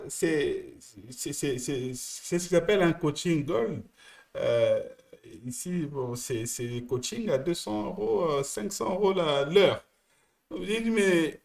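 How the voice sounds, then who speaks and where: High-voiced French man, coaching at a whiteboard; lively, repeats himself, talks straight to one client. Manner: animated, talks to one listener as "tu", many restarts. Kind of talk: explaining at a whiteboard.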